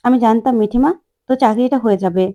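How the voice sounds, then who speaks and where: A firm, protective uncle who insists and snaps, as a woman puts him on. The pitch stays on the high side with a mellow, rounded tone. He speaks in a storytelling recap. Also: quick pace, lo-fi sound, lightly acted. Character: protective middle-aged uncle, quick to anger.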